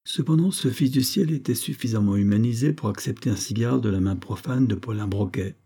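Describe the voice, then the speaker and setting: Male audiobook narrator, low voice, mellow, measured reading. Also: slightly rough. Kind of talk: scripted narration.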